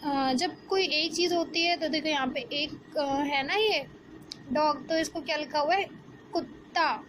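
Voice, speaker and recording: A woman, teaching a Hindi lesson to young children and asking the class questions as she explains slowly. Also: high voice. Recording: background noise.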